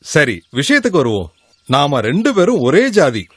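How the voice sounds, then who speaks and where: An older village father in a film, talking through his daughter's match in a genial, persuasive way. His voice is fairly high and lively. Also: normal speed, heavily acted. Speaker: bride's father. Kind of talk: film acting.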